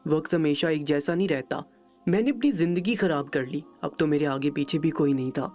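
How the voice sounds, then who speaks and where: A woman telling a moral story in the first person, in a steady, measured reading. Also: low voice, faint music behind.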